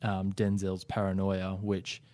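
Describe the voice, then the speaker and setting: A man with a low, warm voice co-hosting a casual chat podcast. He talks things through at length without hurrying, laying out his own theories. The sound is dry and close to the mic. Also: completely flat delivery, unhurried, no room sound. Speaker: podcast co-host.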